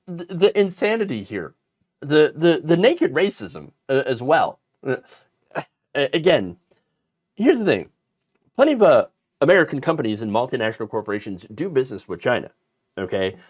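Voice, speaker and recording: A man hosting casual political commentary, sarcastic and animated, mocking politicians with put-on quotes. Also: fairly high pitch.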